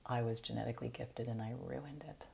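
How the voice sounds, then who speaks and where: Low, gravelly middle-aged woman vlogger. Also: steady tone, brisk, darkish tone, a little hiss or hum. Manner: chatty, self-deprecating, talks while applying makeup. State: sleepy morning voice. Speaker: beauty vlogger. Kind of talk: makeup tutorial chat.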